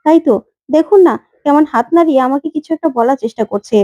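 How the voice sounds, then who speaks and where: A woman's voice: high-pitched, fast, warm tone, dry recording, dull audio, close to an everyday voice. A woman voicing a determined young woman puzzling out who an unknown enemy is. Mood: puzzled. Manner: puzzled, questioning.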